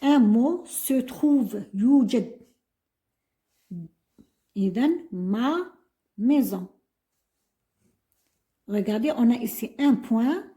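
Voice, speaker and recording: A woman's voice: a little high, expressive, slow, pauses often, mellow. An older woman, a retired primary school teacher, explaining an exam. She spells out words letter by letter and mixes French with Arabic. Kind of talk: classroom lesson explaining an exam.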